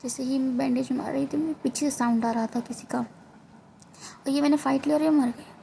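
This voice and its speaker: A woman's voice: high-pitched, steady tone, normal speed, creaky, warm tone, a little hiss or hum, low-quality recording. Woman narrating gameplay, self-mocking. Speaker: gaming creator. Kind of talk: casual gameplay commentary. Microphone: phone.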